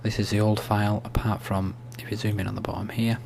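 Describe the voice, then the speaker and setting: A soft-spoken man giving an ASMR-style screen tutorial, explaining steps in a hushed, unhurried, informal way. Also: lowish voice, flat delivery, creaky. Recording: faint hum and background noise.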